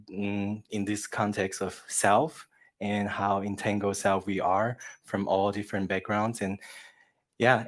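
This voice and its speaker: A man in his thirties from Taiwan, a visual artist speaking casually on a panel, hesitant with many fillers and restarts. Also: fairly low pitch. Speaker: visual artist, collective member.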